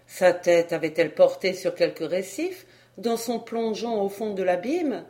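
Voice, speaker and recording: A woman narrating a classic novel as a volunteer audiobook reader, in a measured, expressive way. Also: mid-range voice.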